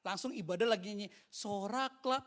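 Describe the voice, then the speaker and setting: A man's voice: high-pitched, expressive, moderate pace, fairly bright tone. A man, a pastor preaching a sermon in a church service and telling his own story, with English words mixed into his talk. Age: 50s. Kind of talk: sermon with personal testimony.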